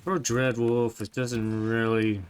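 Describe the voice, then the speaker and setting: A man's voice: mid-range voice, flat delivery, slow, clean tone. A man giving rambling, casual commentary while playing a video game. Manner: rambling, chatty, trails off mid-thought. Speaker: gameplay streamer.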